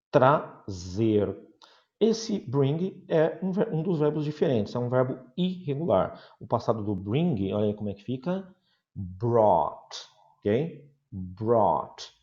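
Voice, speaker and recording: Teaching English online, a man with a Brazilian Portuguese accent speaks slowly and deliberately, repeating words so students can get the pronunciation. His voice is medium-pitched and dark, and the sound is lo-fi.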